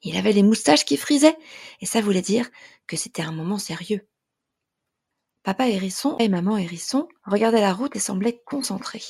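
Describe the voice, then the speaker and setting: Husky, gravelly woman reading a storybook. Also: mid-range voice, animated, normal speed. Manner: gentle, lilting storytelling. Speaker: narrator.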